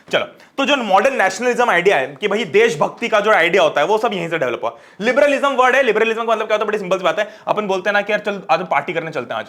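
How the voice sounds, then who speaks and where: A man in his twenties teaching an online class lecture, energetic and chatty, talking straight to his students. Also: high-pitched. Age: 20s.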